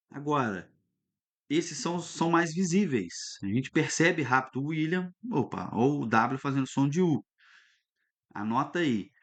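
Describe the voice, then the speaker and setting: A man teaching a recorded lesson, lively and instructive, often stopping to check that students follow. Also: on the high side. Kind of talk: recorded online lesson at a whiteboard.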